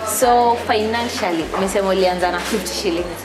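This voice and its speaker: A woman's voice: mid-range voice, a little fast. Kenyan woman hosting, echoey with music. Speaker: show host and interviewer. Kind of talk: casual interview, mixing English and Swahili. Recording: echoey room, music behind.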